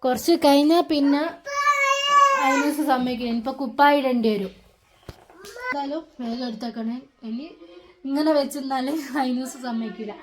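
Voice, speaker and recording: Young woman, fairly high voice, chatty home vlog, faint background noise. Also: moderate pace, long pauses, a little mellow. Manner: chatty, explaining step by step. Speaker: family vlogger, mother. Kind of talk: casual home vlog narration. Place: home, indoors.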